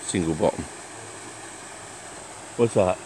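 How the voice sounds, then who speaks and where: A man, chatting casually as he walks around a fishing lake filming on a handheld phone. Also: low voice. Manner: chatty, unhurried, plain-spoken. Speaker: angler filming his fishing trip. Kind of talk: casual walk-and-talk vlog. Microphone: handheld phone camera. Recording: faint outdoor noise.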